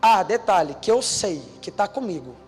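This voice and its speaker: A young Brazilian man preaches to a crowd of teens, acting out every line of dialogue in his story. His voice sits high and jumps from hushed asides to shouts. Long hall reverb trails his words over faint background music. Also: lively intonation, normal speed. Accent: Brazilian Portuguese. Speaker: youth preacher. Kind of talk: preaching at a youth conference.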